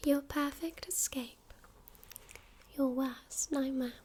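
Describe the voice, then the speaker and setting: A woman in a whispered role-play as a friendly librarian, speaking in a hushed, gentle library whisper close to the microphone. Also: sits high, steady tone, slow pace. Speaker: friendly librarian recommending books.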